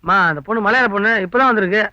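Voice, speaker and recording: A glib young son in a film comedy-drama, pitched high and talking fast. His bright voice keeps a coaxing, explanatory tone, on slightly dull lo-fi film sound. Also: no room sound. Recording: muffled lo-fi film audio.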